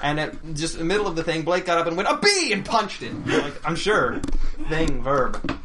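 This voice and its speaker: A man's voice: a little high, moderate pace, noisy background. A young man, a game master, trading dry jokes and stories in a casual podcast chat. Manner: dry wisecracking. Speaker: game master and advice blogger. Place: studio.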